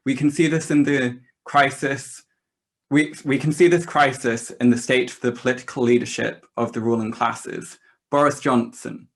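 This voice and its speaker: A young man speaks as a student activist at a political rally. His medium-pitched voice carries a prepared speech in short, emphatic, declarative phrases. The delivery is earnest and rallying. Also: vocal fry, a bit bright. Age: young adult.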